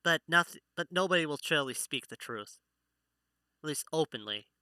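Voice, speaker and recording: A man's voice: on the high side, expressive, moderate pace, bright, forceful tone, smooth, no room sound. A man voicing a friendly female half-elf bard in a tabletop game, with a teasing, secretive manner.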